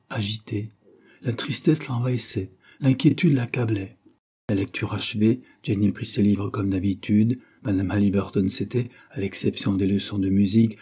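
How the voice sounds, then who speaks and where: A man narrating a classic novel as an audiobook in a steady storytelling manner. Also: on the low side, breathy edge.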